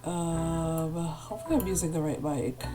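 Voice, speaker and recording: A woman streamer chatting casually with a congested, worn-out voice, soft-spoken and full of ums. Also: sits low, moderate pace, music in the background. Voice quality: hoarse, voice worn out. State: congested, stuffed up. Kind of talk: casual livestream chat. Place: home room. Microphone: desk mic.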